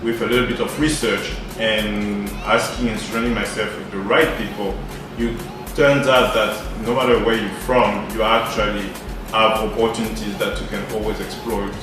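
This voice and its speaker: A man's voice: on the low side, steady tone, normal speed, music in the background. A man in his twenties from Côte d'Ivoire, speaking in a thoughtful, hesitant way with many fillers in a casual chat. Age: 20s. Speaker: interviewee. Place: living room, indoors. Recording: very echoey room, mic set far off.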